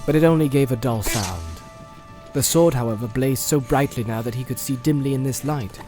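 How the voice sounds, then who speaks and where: A man narrating an audiobook in a measured storytelling manner. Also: medium pitch, music in the background. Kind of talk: scripted narration.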